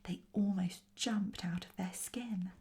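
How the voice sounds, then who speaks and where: A woman reading a children's story aloud in a soft, soothing whispered role-play. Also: medium pitch, steady tone, slow. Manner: softly spoken, soothing.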